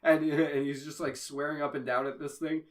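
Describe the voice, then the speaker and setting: A man's voice: a little high, little pitch movement, moderate pace, distant mic. A man co-hosting a podcast, chatting casually about a film, laughing often and swearing freely. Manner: laughs often, loose and profane. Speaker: podcast co-host. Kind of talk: casual movie chat.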